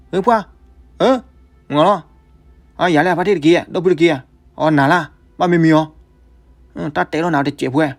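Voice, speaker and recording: Fast gravelly male storyteller. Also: on the high side. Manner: lively, swings between loud outbursts and hushed asides. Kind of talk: folk storytelling.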